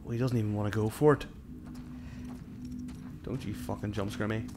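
A man's voice: fairly low pitch, fairly even intonation, normal speed. A young man giving nervous, scared horror game streamer reactions, casual and joking with plenty of swearing. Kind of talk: reactive gameplay commentary, casual. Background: game music and sound.

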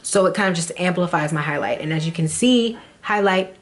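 A woman's voice: on the low side, a little fast. A young adult woman vlogging casual beauty product reviews in a gushing, dramatic, playful way.

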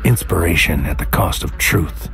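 A man with a low, gravelly, slightly bright voice plays a paranoid hitman in a surreal audio drama, his mood brooding and haunted. He gives a deliberate, poetic inner monologue as scripted noir narration, often whispering, with music beneath.

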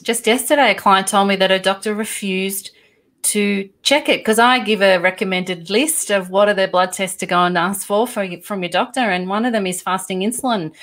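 A woman hosting a podcast interview. She asks questions in a conversational, earnest manner at an ordinary pitch. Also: a bit bright. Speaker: podcast host.

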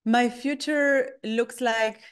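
A woman's voice: on the high side, steady tone, slow, clean tone. A middle-aged woman from Argentina with an Argentine Spanish accent, a native Spanish speaker, answering interview questions in a thoughtful way that restarts often. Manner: thoughtful, frequent restarts and ums. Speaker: guest, lettering artist.

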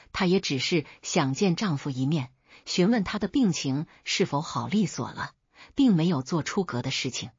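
Husky woman telling a folk tale. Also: lowish voice, dry recording. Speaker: storyteller. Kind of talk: scripted folk tale narration. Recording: dull lo-fi dry recording.

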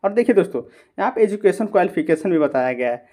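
A man's voice: high voice, animated, quick pace, dark tone. A man hosting a screen-recorded tutorial, talking viewers through steps and often asking and answering his own questions. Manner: repeatedly addresses viewers as friends, asks and answers own questions. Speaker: YouTube channel host.

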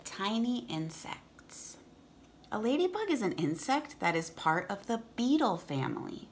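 With a mid-range voice that swings widely in pitch, a woman in her thirties reads a children's picture book at a measured pace. She speaks as a teacher would, articulating for young listeners and explaining throughout, in a home setting. A faint hiss or hum sits under the audio.

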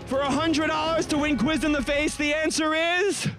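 A man in his thirties hosting a street game show, loudly badgering passers-by outdoors on a busy city street into a handheld mic. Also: very high voice, steady tone, moderate pace, noisy background. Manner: loud, frantic, badgering passers-by.

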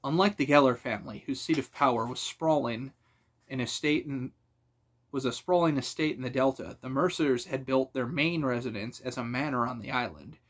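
A man narrating a fantasy novel chapter with steady, even delivery. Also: mid-range voice, normal speed, breathy edge. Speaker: audiobook narrator. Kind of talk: fan audiobook reading.

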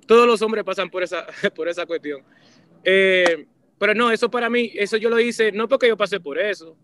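This casual interview features a band leader and musician guest in his forties, from Puerto Rico and the Dominican Republic, speaking animatedly with a Caribbean Spanish accent through a video call webcam. His high-pitched voice keeps a moderate pace with no echo. He restarts a lot and keeps saying "¿me entiendes?"

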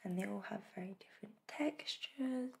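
A woman in a whispered role-play as a spa facial therapist, speaking in a soft, breathy whisper with a gentle, reassuring manner. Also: mid-range voice, expressive, normal speed.

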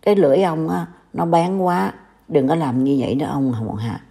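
A woman's voice: sits low, animated, moderate pace, vocal fry, dark tone. An older woman from Vietnam with a Southern Vietnamese accent, scolding and warning in a casual online talk. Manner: scolding, reproachful. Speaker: commentator.

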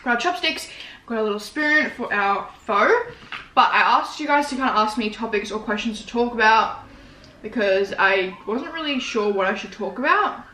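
Recorded indoors in a small living room with roomy echo, a nineteen-year-old vlogger with an Australian accent rambles informally and slangily while eating for her mukbang. Her voice is a little high, bright and forceful, expressive, at a moderate pace.

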